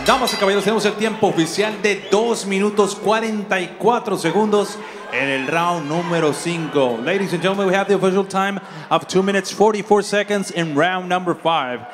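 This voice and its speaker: A man's voice: high voice, a little fast. A man working as a bilingual boxing ring announcer, formal and ceremonial, drawing out names like a lucha libre announcer. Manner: ceremonial, stretches out names and places. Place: live boxing event.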